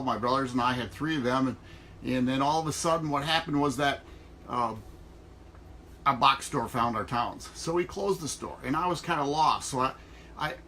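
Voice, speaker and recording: Filmed in an RV trailer with noticeable background noise, this folksy motivational vlog features a middle-aged network marketer who sells online. He speaks casually but with emphasis, his voice pitched somewhat high and a touch bright.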